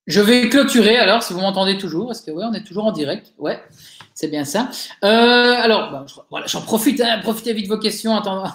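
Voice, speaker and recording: A man's voice: sits high, a bit bright. Man with a Liège accent, roomy sound. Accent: Liège Belgian French. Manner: chatty and encouraging, frequent hesitations. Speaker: webinar speaker, digital agency owner. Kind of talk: live webinar Q&A answers. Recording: roomy webinar audio.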